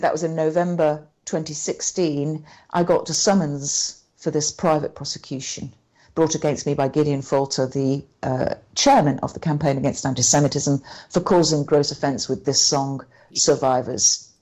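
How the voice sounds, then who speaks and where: A woman talking as a guest in an interview, recounting events in a halting way and often restarting her sentences. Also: low-pitched, dark tone. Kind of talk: conversational interview.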